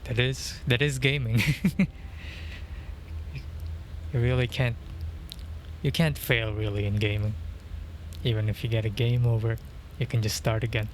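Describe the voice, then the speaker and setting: On a home gaming stream, a young man with a mid-range voice keeps a steady tone and measured pace, leaving long pauses. He rambles casually with lots of fillers and frequent chuckles into a dynamic mic, with game music and slight background noise around him.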